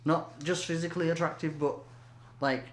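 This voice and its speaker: A man's voice: on the high side, level tone, moderate pace, roomy sound. A man in his thirties from England co-hosting a podcast, laid-back and casual, swearing now and then. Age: 30s. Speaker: podcast co-host. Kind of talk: casual chat.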